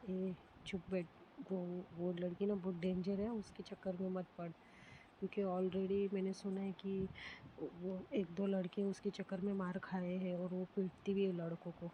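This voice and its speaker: A woman voicing a young male student quietly warning his friend. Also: lowish voice, flat delivery, normal speed, lo-fi sound, slight background noise, natural voice. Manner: hushed, warning.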